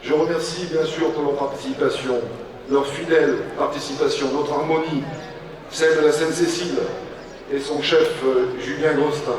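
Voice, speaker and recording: A man giving a solemn, declamatory rally-style ceremonial speech as a public official, in short measured phrases. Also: a little high, steady tone. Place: public commemoration ceremony with audience. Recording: echoey public address, distant mic, crowd.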